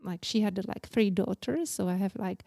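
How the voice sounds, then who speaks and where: A woman in her forties with a Czech accent, speaking English as a second language, telling about her life as an interview guest in halting, earnest sentences. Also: mid-range voice, gravelly, mellow, dry recording, clean studio sound. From Czech Republic. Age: 40s. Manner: halting non-native English, plain and earnest. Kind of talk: casual interview.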